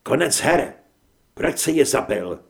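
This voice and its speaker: A man voicing a gaunt, unhinged male shapeshifter who shouts and snarls threats. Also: a little high, very animated, creaky, full character voice. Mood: raging.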